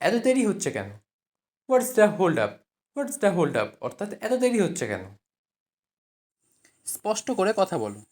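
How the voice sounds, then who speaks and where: A woman with a Bengali accent teaching spoken English, saying each phrase slowly and then giving its meaning in Bengali. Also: medium pitch, wildly swooping pitch, darkish tone. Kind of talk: language lesson, phrase then translation.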